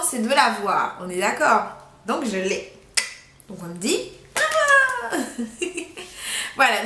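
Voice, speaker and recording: A woman's voice: a little high, slight background noise. Giggly young woman vlogging in an echoey room. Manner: giggly, chatty, trails into soft asides. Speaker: beauty vlogger. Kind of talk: casual haul vlog chat.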